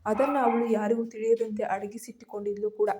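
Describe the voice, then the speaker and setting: Woman storyteller, scripted narration, steady reading, mellow, flat pitch. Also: fairly quick, slight background noise.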